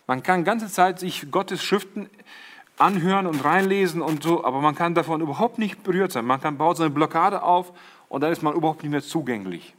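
A man's voice: on the high side, fairly quick, a bit bright. A middle-aged man preaching a sermon, addressing the congregation as siblings and quoting Jesus with rising emphasis.

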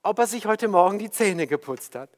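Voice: mid-range voice, lively intonation, a little fast, voice pushed up, close to an everyday voice. Ein Prediger spielt in einer erzählten Geschichte ein junges, herzliches Mädchen, das direkt und ernst fragt. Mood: earnest. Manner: earnest, direct questions. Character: frank, warm-hearted young girl asking blunt questions.

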